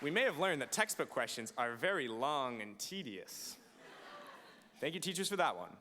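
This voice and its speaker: A man in his late teens giving an emphatic, deliberate graduation speech as valedictorian at a podium microphone in a large auditorium. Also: mid-range voice, sing-song, pushed and bright, a faint crowd, slight background noise. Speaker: high school valedictorian. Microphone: podium microphone on a stand. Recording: reverberant hall through PA microphone.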